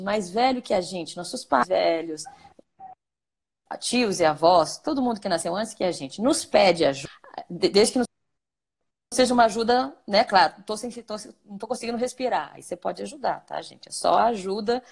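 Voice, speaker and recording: Raspy-voiced Brazilian woman therapist. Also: mid-range voice. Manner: conversational, asks and answers her own questions. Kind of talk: explanatory interview talk.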